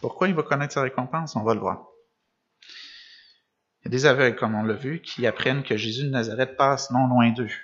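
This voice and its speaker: A brisk preacher with a medium-pitched, fairly bright voice leaves long pauses as he reads gospel passages and explains them. Rhetorical questions and restarts run through his commentary. The dull, lo-fi recording places him in a church or meeting room before a screen.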